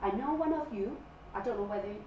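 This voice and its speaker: Speaking quickly and expressively in a fairly high voice, a woman in her forties from Malaysia delivers a guest lecture, often pausing to ask "okay?" or "yeah?" to keep her class engaged. She's captured from far off in an echoey classroom, so the sound is dull, with a bit of background noise.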